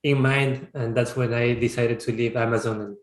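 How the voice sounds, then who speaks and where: A man in his thirties from Peru, a startup founder, answering interview questions reflectively and often pausing to restart his sentences. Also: mid-range voice, steady tone. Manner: reflective, searching for words with frequent restarts. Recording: roomy, echoey sound.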